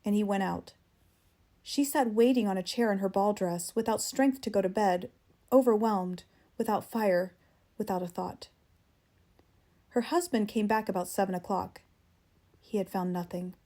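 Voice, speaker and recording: A woman with a standard American accent reading literary fiction as an audiobook narrator, measured and expressive. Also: mid-range voice.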